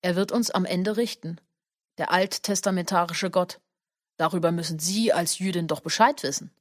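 A woman voicing a slow, solemn old man. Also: on the low side, dry recording, studio quality, close to an everyday voice. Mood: calm. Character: old man, stiff, weary, pleading. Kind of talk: audiobook character reading.

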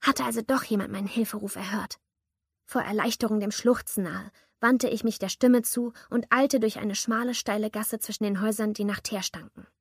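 A woman's voice: mid-range voice, steady tone, brisk, slightly rough, no echo, studio quality. A woman narrating a first-person audiobook in a tense, suspenseful reading.

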